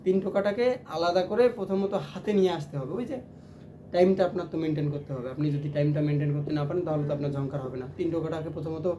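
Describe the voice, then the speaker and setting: Speaking very fast in a slightly high voice, a man gives a ukulele lesson, explaining strums while counting and chanting rhythm syllables aloud as he plays. Loud plucked strings sound under his voice throughout this music lesson.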